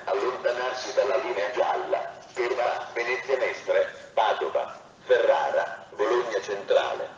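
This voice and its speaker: A man making a formal, measured railway station announcement over a loudspeaker. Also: on the low side, distant mic, background noise. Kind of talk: automated public-address announcement. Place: outdoor railway platform. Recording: echoey loudspeaker heard from afar, muffled.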